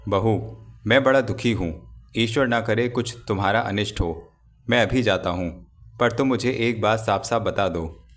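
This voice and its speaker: A man voicing a desperate, lovesick man in an audiobook, slow and imploring. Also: lowish voice, lightly acted. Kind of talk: audiobook character reading.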